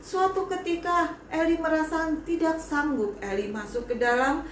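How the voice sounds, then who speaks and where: Woman, Sunday school teacher, animated storytelling for kids, high voice, echoey room, faint hiss. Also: moderate pace. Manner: animated, speaks to children directly. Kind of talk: children's church storytelling. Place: church broadcast.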